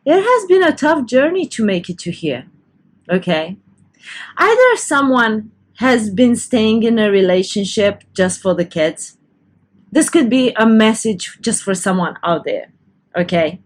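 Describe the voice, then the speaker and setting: Chatty woman reading tarot, slightly high voice. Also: big pitch swings, measured pace. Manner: chatty, loose, with restarts and self-corrections. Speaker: tarot reader. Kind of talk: casual tarot reading to camera.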